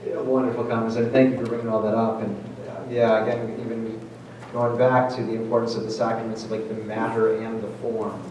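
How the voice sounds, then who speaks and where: A priest talks casually with his parish and takes questions, animated and packing his speech with "like" and "I mean." His lowish voice runs fairly quick with hardly any pauses, picked up by a distant mic in a noisy, echoey church hall.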